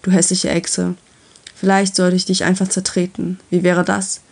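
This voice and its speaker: A woman voicing a grumpy, stubborn male dwarf in a storybook reading, gruff and scornful. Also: on the low side, monotone, normal speed, darkish tone. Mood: furious.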